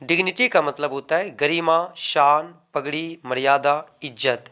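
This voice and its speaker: Vocabulary teacher, man, slightly high voice, stretches words slowly for learners. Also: bright, forceful tone, smooth. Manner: slow, drawn-out word drills with Hindi explanations. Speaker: English teacher. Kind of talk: vocabulary lesson.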